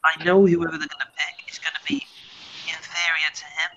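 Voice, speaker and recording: Remote panelist, blunt opinions, hollow tunnel-like echo, steady hiss behind, middling pitch. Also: fairly quick, lo-fi sound. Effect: hollow echoing sound, as if in a tunnel. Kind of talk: casual podcast chat. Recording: echoing tunnel-like remote line with noise.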